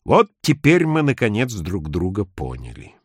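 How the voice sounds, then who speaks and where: A man voicing a calm, ironic town doctor with a dry, steady delivery. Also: fairly low pitch, moderate pace, husky, no room sound, heavily acted.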